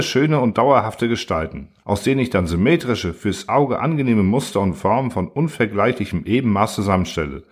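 A man's voice: on the low side, slightly rough. A man voicing a cold, lecturing machine ruler. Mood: condescending. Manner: calm, condescending, lecturing.

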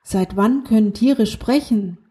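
Flustered alien girl, woman reading it, slow, soft mellow voice. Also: mid-range voice, lightly acted. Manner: flustered, defensive. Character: young alien girl, shy and touchy in love. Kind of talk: children's audiobook reading.

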